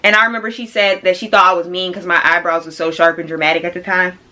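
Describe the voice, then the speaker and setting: A young woman of twenty-one chatting excitedly and casually as she does her makeup for a vlog, full of slang. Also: on the low side, quick pace. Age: young adult. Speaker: beauty vlogger. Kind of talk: casual get-ready-with-me chat. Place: home studio room.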